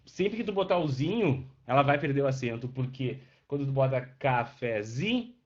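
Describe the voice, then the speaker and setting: A man with a medium-pitched, expressive voice talks fairly quickly while teaching a live online class, patiently checking in with his students as he explains. He's recorded on a webcam microphone, and the audio has a dull, lo-fi online-class quality.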